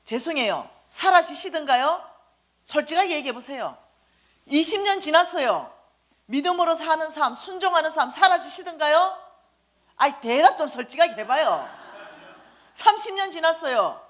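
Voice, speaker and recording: A woman's voice: high-pitched, moderate pace. A woman giving a spoken testimony at a church service, acting out dialogue and putting questions to the congregation. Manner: animated, acts out quoted dialogue, questions the audience. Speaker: staff minister giving testimony. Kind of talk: sermon testimony.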